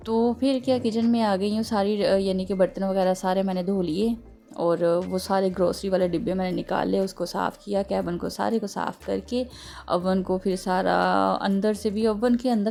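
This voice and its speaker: A chatty woman talks through her housework in a rambling, homely way, leaning on small fillers. Her voice is dark and mellow with a gravelly edge and a slightly sore throat, recorded at home in a kitchen. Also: mid-range voice. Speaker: home vlogger. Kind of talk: casual chatty home vlog narration.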